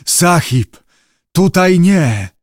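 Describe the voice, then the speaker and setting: Man doing a panicked, hoarse young pearl diver. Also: sing-song, very slow, dry recording, clean studio sound, heavily acted. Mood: frightened. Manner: shrill, panicked shouting. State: hoarse, panting.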